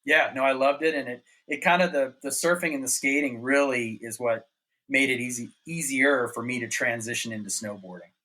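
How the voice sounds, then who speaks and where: Pushed and bright, this medium-pitched voice moves briskly. It belongs to a middle-aged North Carolina man, once a professional snowboarder, who shares casual, meandering stories as a podcast guest, laughing frequently.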